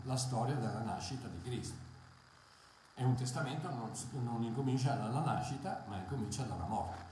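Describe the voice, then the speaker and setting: A man preaching a Bible sermon, impassioned and emphatic, repeating key phrases and pausing on hesitant fillers. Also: mid-range voice, dark tone. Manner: impassioned, emphatic repetition, halting fillers and restarts. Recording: very echoey room, faint noise.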